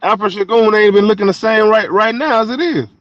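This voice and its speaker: A man co-hosting a casual sports podcast from Houston, talking in a laid-back, slangy way and often trailing off quietly. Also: high voice, fast, no room sound, lo-fi sound. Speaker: podcast co-host.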